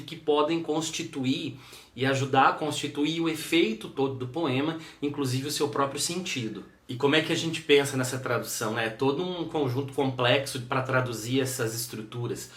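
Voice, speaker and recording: A man with a Brazilian Portuguese accent delivers a recorded university lecture in a middle-range voice. He explains patiently and thinks aloud, pausing on fillers as he goes. The sound bounces around an echoey room. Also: mid-range voice, a bit bright. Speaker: university teacher.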